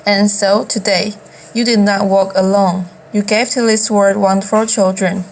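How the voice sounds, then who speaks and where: A woman's voice: medium pitch, level tone, a little slow, vocal fry, a little mellow, slight background noise, low-quality recording. A woman delivering a eulogy as a formal, oratorical speech, occasionally stumbling over a word. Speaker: speaker delivering a famous eulogy.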